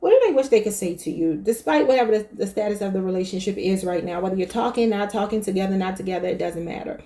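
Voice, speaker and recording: This tarot reader talks fast as she lays out cards for her viewers on camera, her warm, mellow voice sitting at a middle pitch. Loose and chatty, she thinks out loud and addresses the audience as y'all.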